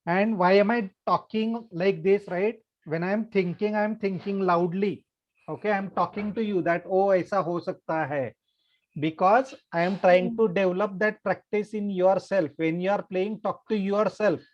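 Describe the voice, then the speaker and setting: A man, coaching kids at chess and thinking out loud patiently, asking "okay?" as he goes. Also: sits high, steady tone, moderate pace, lo-fi sound. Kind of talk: online chess lesson to kids.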